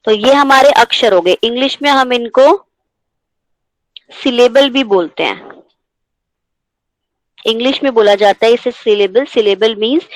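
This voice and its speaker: A woman's voice: on the high side, no echo, low-quality recording. A woman teaching a Hindi grammar class online, explaining step by step and asking her students questions, slipping English words into her speech.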